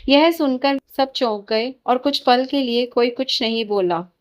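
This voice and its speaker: A woman reading a scripted emotional story as narrator, steady and measured. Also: high voice.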